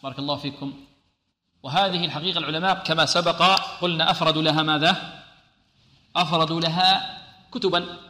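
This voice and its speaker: A man teaching Quran recitation rules on a radio lesson. He asks questions and answers them himself, and slowly stretches out syllables to show how they are pronounced. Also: on the high side, sharp tone. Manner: slowly draws out syllables to demonstrate pronunciation. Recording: echoey room with long reverb.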